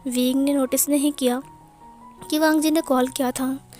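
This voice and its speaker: A woman's voice: sits high, steady tone, normal speed, darkish tone, soft background music. A woman casually narrating a fan fiction story, correcting herself as she goes.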